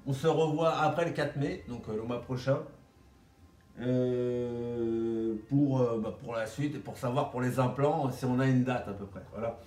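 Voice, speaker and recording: A man's voice: medium pitch, fairly even intonation, a little slow, a little mellow. A man with a slight lisp and whistled S sounds, rambling bluntly and casually in slang like a vlogger. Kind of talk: casual vlog monologue. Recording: roomy echo, distant microphone.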